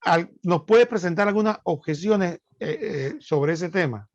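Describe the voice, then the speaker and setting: A man, co-hosting a casual chat and pausing often with hesitant fillers. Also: sits high, no echo, highs cut off. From Panama. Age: 50s. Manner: conversational, hesitant with many "eh" fillers. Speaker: co-host.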